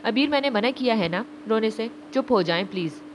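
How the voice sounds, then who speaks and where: A woman voicing a gentle, teasing young husband who speaks calmly and seriously in an audio novel. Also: fairly high pitch, a little hiss or hum, lightly acted. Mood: coaxing. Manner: calm, soft, serious.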